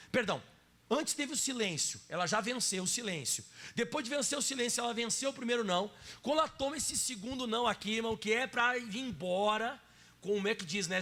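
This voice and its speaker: Male pastor, Brazilian accent; lively, emphatic sermon delivery, calls the crowd brother. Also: high voice. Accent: Brazilian Portuguese. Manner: emphatic, keeps addressing the congregation as brother.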